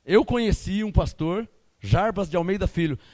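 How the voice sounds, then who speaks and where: A man with a high voice preaches as a pastor at a moderate pace. With a Brazilian Portuguese accent, he is emphatic and animated, trading loud outbursts for quiet asides.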